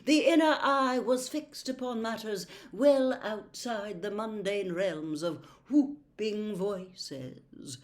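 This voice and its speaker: A woman voicing a haughty, theatrical older female divination professor for a storybook, shrill and drawn-out, with defensive hemming. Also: lightly acted. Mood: haughty dignity.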